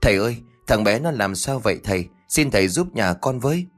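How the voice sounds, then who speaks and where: A man's voice: on the low side, lively intonation, a little fast, faint music behind, lightly acted. A man doing a panicked village mother. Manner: panicked, begging.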